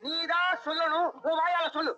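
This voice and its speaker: A gullible, scolding moneylender in old film comedy. His voice is very high and bright. The sound is muffled, with music underneath. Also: level tone, moderate pace. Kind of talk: 1980s Tamil film comedy dialogue.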